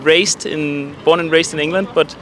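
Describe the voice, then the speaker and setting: A man's voice: a little high, steady tone, moderate pace, fairly bright tone, slight background noise. A man from Denmark chatting easily in a street interview. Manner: easygoing, chatty.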